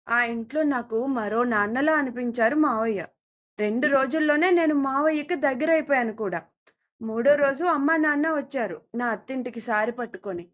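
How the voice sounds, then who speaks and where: A woman narrating a first-person audio story in a soft, intimate storytelling manner, voicing the lines of the people in it. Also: high-pitched.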